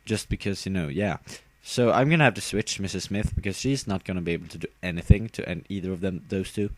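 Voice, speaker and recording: A man's voice: low voice, quick pace, no room sound. A tired young man casually commenting on his own game battle, rambling with fillers and giggling at himself. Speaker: gamer narrating his battle.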